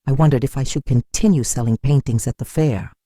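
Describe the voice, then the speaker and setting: Sombre older woman storyteller, mellow voice. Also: a bass voice, no echo, clean studio sound. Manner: sombre, measured, wounded. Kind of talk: scripted first-person narration.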